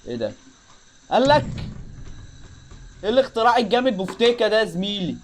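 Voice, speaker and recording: A man's voice: sits high, big pitch swings, fast, slight background noise. A man with an Egyptian accent giving casual, joking reaction commentary on videos, exclaiming in disbelief.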